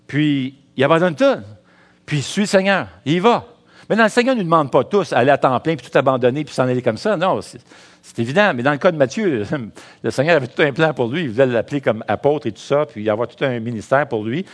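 A middle-aged pastor with a Quebec French accent preaches a sermon, lively and calling out to the congregation. His voice sits a little high.

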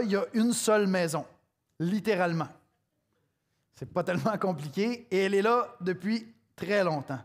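Québécois preacher guy, middle-aged, chatty sermon, talks right to you, voice sits a bit high. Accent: Québécois French. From Quebec. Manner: conversational, storytelling, addresses listener directly. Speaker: pastor.

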